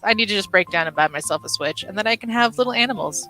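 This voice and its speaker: A woman co-hosting a relaxed stream, chatting casually with many restarts and fillers. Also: medium pitch, fast talker, faint music behind, poor audio. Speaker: co-host of studio stream. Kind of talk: casual chat while watching gameplay.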